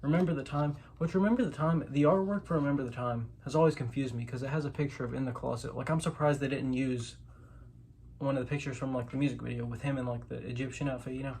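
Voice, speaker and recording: Speaking fast in a medium-pitched, slightly mellow voice, a male collector hosts a casual show-and-tell of his items, often hedging and revising what he says. Clear background noise with clicking and clattering is audible.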